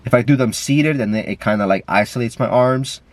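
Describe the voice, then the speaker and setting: Filmed by his camera mic while driving, a stuffy-nosed vlogger talks in a medium-pitched voice, a little fast. He rambles casually, swearing and dropping plenty of fillers.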